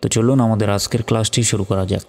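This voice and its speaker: Low-voiced guy slowly spelling out quran words, flat steady tone, reverby room, faint music behind. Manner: slow, even spelling drills, with drawn-out recitation. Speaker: Quran reading teacher. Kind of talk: spelling out and reciting Quranic Arabic.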